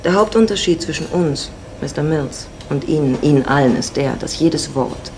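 In a radio drama, an actress with a low voice plays a worldly, flirtatious Mexican wife of 45, sardonic, self-assured and teasing. She talks at a normal speed in a near-everyday voice over a noisy background, her mood knowing and bittersweet.

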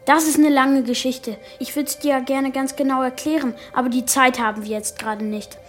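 A woman's voice: high voice, steady tone, soft background music, lightly acted. A woman playing a jittery boy superhero. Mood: explaining. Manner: stammering, talks fast and rambles when nervous. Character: jittery boy superhero, Angstmän, nervous and rambling. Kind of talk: children's radio play.

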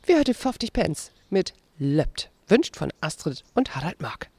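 Cheerful radio host with Low German accent. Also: female voice, very animated, moderate pace, mellow, breathy edge, no echo. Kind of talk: casual radio interview.

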